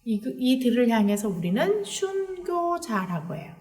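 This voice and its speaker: A woman giving a children's sermon as a children's pastor, animated and asking the children questions as she tells the story. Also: fairly high pitch, unhurried, soft background music.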